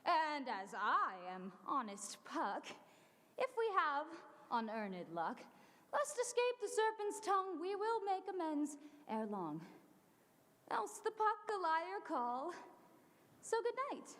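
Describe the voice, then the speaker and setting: A woman's voice: high voice, slow, big-room sound, heavily acted. A teenage girl playing Puck, a mischievous male fairy sprite, speaking rhyming Shakespearean verse on a school stage. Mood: gentle, pleading. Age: teens. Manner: sing-song rhyming verse, lively swoops. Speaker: high school stage actor.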